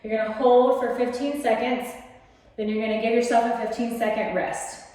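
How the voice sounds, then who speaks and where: A woman's voice: a little high, flat delivery, moderate pace, warm tone. A woman fitness coach explaining exercises step by step in a casual, encouraging way, recorded in an echoey basement gym. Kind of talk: instructional workout demonstration.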